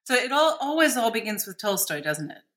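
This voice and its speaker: Bright-voiced woman podcast host. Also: on the high side, sing-song, brisk. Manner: formal, scripted introductions. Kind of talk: podcast interview.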